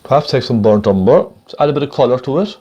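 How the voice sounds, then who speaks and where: A man giving a casual step-by-step painting demonstration as a gentle, encouraging instructor, thinking aloud in an unhurried way as he works. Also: medium pitch, animated, slightly rough, lo-fi sound.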